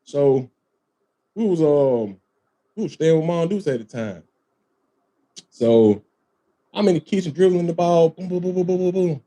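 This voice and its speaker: A man's voice: fairly high pitch, lively intonation, unhurried, long pauses, dark tone. Laughing, swearing man telling a story. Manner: profane, laughing storyteller full of "man" and "bro". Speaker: podcast host. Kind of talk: casual storytelling chat.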